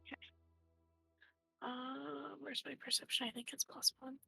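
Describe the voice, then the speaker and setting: A woman's voice: high-pitched, flat delivery, unhurried, gravelly, pushed and bright, dry recording, faint music behind. A woman playing a tabletop game, eager and blunt, swearing freely. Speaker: player.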